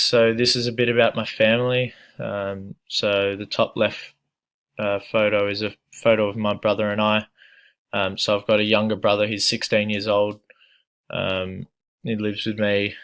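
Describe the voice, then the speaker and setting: Young Australian man, low and flat. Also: clean tone. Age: young adult. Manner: relaxed, hesitant with many fillers. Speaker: student. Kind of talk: casual self-introduction.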